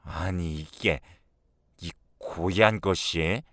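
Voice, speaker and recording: A man's voice: on the low side, very animated, slow, a bit bright, no room sound, clean studio sound, exaggerated voice. A man doing a snappish scheming mother-in-law. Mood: indignant. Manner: snappish, defensive, scolding. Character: hot-tempered scheming older mother-in-law.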